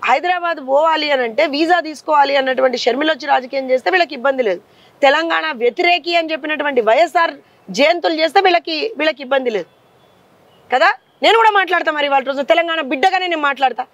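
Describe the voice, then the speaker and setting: A woman's voice: sits high, a bit bright, no room sound, lo-fi sound. A woman party leader with a Telangana accent, speaking in a combative interview and firing off rhetorical questions. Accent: Telangana Telugu. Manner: fiery, rapid rhetorical questions.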